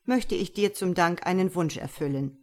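A woman's voice: on the low side, moderate pace, a little mellow, lightly acted. A woman doing a stern, commanding djinn. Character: proud male djinn in tiger form, stern and commanding.

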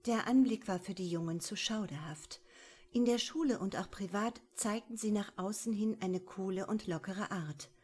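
A woman narrating a crime story as a scripted audiobook in a steady storytelling manner. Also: mid-range voice, slightly rough.

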